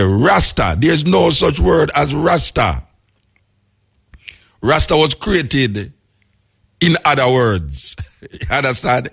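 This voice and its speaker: Low-pitched Jamaican man in Rasta speech. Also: fairly bright tone. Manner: emphatic, repeats key phrases for clarity. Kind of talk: explanatory talk in Rasta speech.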